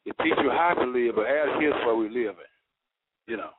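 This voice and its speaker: Heard over a tinny, staticky phone, a radio caller talks fairly quickly at a medium pitch. His manner is casual, earnest and folksy, and he relies on homespun sayings.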